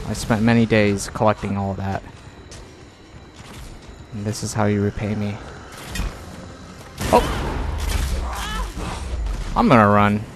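A man's voice: on the low side, noisy background. A young man giving casual gameplay commentary with playful, self-mocking banter.

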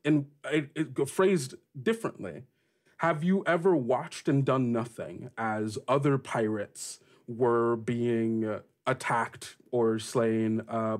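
A man running a tabletop role-playing game as game master narrates and questions his players, phrasing things deliberately and haltingly. His voice sits in the mid range.

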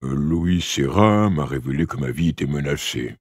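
A man voicing a weary, stern old king in an audiobook, speaking slowly and gravely. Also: lively intonation, warm tone, no room sound, clean studio sound. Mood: confiding. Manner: slow, low and deliberate, dropping to confiding. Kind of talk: audiobook character voice.

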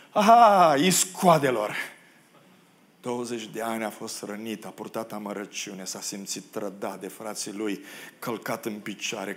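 A pastor from Romania preaching a sermon in a church, acting out the quoted biblical figures and making self-deprecating asides to the congregation. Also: male voice, on the low side. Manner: expressive preacher who acts out the biblical quotes. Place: church hall.

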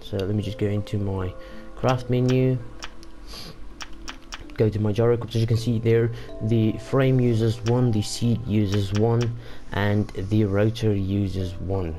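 Over music, a young gaming YouTuber speaks in a lowish voice at a measured pace with fairly even intonation. His first language is Afrikaans, and his offhand gameplay commentary meanders, often restarting and leaning on fillers.

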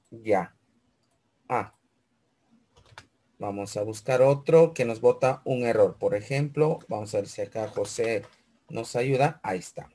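A man's voice: medium pitch, a little mellow. Male teacher guiding a class. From Peru. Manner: walks through steps aloud, keeps checking with "¿ve?" and "chicos"; asks questions in a student's voice, then answers them. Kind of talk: screen-recorded computer class.

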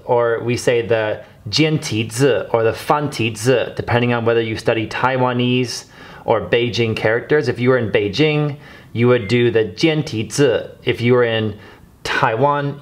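Man teaching a martial arts lesson. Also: mid-range voice. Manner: explanatory, repeats words for the viewer to copy. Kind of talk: video lesson to camera.

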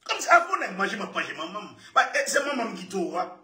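A man talking excitedly in casual speech, laughing often and repeating his phrases. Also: high-pitched, brisk. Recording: echoey room, far from mic.

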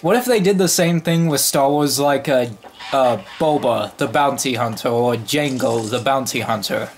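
A woman giving casual commentary over a shooter game, excitable and prone to loud exclamations. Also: rumbling low, moderate pace, slight background noise. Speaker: gameplay commentator.

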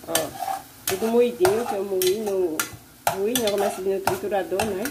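A woman narrates casually for her viewers while cooking in a small home kitchen, recorded on a phone. She speaks at a moderate pace with a medium pitch and fairly even intonation, amid heavy background noise from a loud sizzling pan and kitchen clatter.

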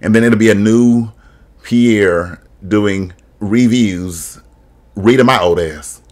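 A young man with a lowish, slightly mellow voice speaks slowly while hosting a reaction video from a small room. He records on a webcam and desk mic, tossing out sassy, shady jokes and laughing often in casual reaction commentary.

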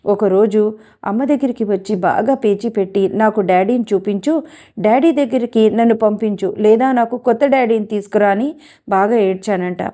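A woman's voice: mid-range voice, normal speed, dark tone, natural voice. A woman reading the part of a young woman who earnestly speaks about the father who left her. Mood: wistful.

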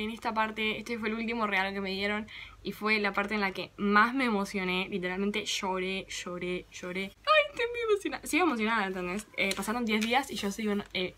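A woman's voice: medium pitch, steady tone, fairly quick, bright, forceful tone. A young woman with a Rioplatense Spanish accent, chatting casually to camera in a dramatic, self-mocking vlog. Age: young adult. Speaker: vlogger.

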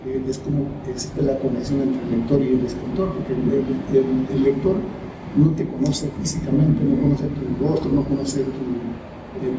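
Reflective middle-aged man, echoey and distant. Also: mid-range voice. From El Salvador, raised in the United States. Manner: reflective, with many pauses and repeated words. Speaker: writer and poet, interview guest. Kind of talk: thoughtful interview answers. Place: high-floor room by a large window over a city. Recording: roomy echo from the camera mic at a distance, noise behind.

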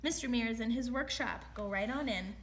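A woman's voice: fairly high pitch, fairly quick, lightly acted. A woman voicing a friendly old neighbor lady welcoming a girl in. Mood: cheerful. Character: friendly old female super's wife.

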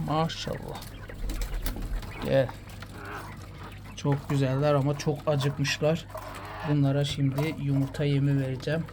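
A man from Turkey showing his quails in a casual vlog, talking fondly and soothingly to the birds. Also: medium pitch. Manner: fond, soothing, talks to the birds. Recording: noisy with bird sounds. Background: cooing birds, pigeons.

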